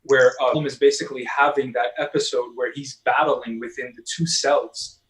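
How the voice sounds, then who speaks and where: A man's voice: mid-range voice, steady tone, a bit bright, rough recording. A man talking films in a loose, casual way. He stops and restarts often, filling gaps with "um" and "like," in an ordinary mid-range voice. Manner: halting, heavy on fillers and restarts. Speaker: podcast panelist. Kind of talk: casual film discussion.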